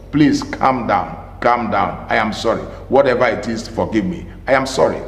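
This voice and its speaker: A man's voice: on the high side, darkish tone. A man, a pastor and marriage counselor, giving an emphatic teaching talk to camera, repeating key phrases and asking rhetorical questions. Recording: roomy with long reverb.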